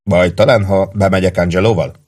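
A man's voice: deep voice, fairly even intonation, darkish tone. A man reading an audiobook, voicing a young male soldier who teases his friend. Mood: teasing. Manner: mocking, teasing.

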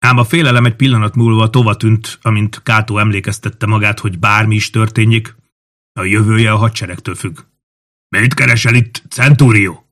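A man narrating a historical novel in a steady, measured reading voice. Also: lowish voice. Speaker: audiobook narrator. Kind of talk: scripted narration.

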